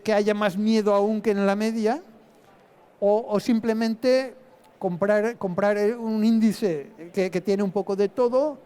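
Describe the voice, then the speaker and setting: A man speaks at a live event, walking an audience through his thinking. His voice sits fairly high for a man, and his delivery is plain and explanatory. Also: mellow, smooth. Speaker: invited investor speaker.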